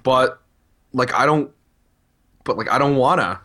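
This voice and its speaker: A man's voice: medium pitch, a little slow, bright, forceful tone. Brash, profane young man ranting. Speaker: podcast co-host. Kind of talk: casual anime podcast chat.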